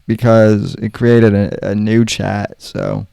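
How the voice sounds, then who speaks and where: Slow, smooth-voiced man chatting. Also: on the low side, little pitch movement, mellow, no echo. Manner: slow, hesitant, many fillers. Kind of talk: casual chat on a call.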